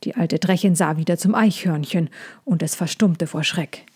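A woman reading a children's story aloud in a calm, unhurried manner. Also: lowish voice, husky.

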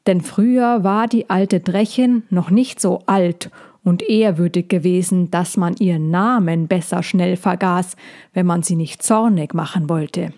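A woman narrating a children's fantasy story in a slow, soothing reading. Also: fairly low pitch, warm tone.

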